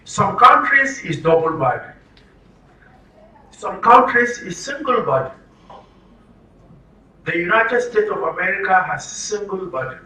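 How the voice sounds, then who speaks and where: This training-session speaker, a Nigerian man, has a high, sharp voice with big pitch swings, moving at a measured pace and pausing often. He lectures emphatically and keeps asking his listeners questions. A distant mic gives a roomy sound with background noise.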